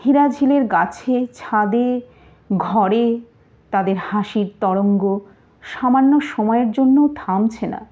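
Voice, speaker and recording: Woman, audiobook narrator, first-person reading, measured, slow, phone-like audio. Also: mid-range voice, mellow.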